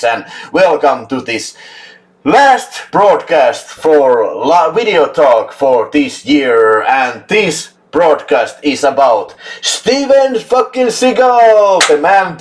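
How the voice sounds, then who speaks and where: A man from Finland with a Finnish accent, hosting a casual live chat, enthusiastic, laughing often and swearing for emphasis. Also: medium pitch. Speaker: host.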